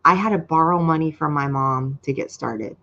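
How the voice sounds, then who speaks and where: A woman's voice: sits low, moderate pace, a bit bright, dull audio. A woman in her fifties giving an earnest, emotional testimonial, speaking straight to her viewers. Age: 50s. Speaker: program member sharing her story. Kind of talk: candid personal testimonial.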